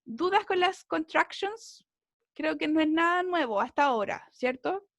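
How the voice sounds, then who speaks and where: A woman with a high, expressive and slightly bright voice speaks a little slowly in a studio-quality recording with no echo. Teaching English over a video call, she explains patiently and keeps checking comprehension with tag questions.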